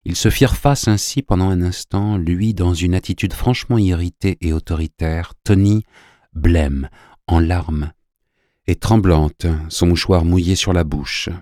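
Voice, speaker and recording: A man narrating an audiobook in a measured, even reading. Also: sits low, no echo, clean studio sound.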